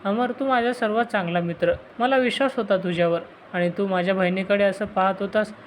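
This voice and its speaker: A forceful young man guarding his younger sister, as a woman storyteller reads his lines. His words come out shaken and firm in an audio story. A faint hiss sits behind him. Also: medium pitch, a little fast, close to an everyday voice. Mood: angry. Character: young man, protective older brother.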